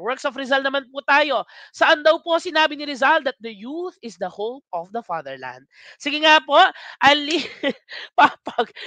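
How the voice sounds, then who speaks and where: A young adult exam reviewer from Pampanga runs a live online lecture in a bright, sharp voice. The delivery is chatty and animated, dotted with exclamations and quick tag questions. The sound is dry and close. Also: medium pitch, no echo. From Pampanga, Philippines.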